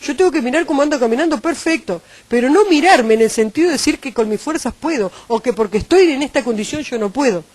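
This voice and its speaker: A woman with a Uruguayan Spanish accent preaching a sermon, animated and acting out the voices she quotes. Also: high-pitched, fast talker, hardly any pauses, no room sound.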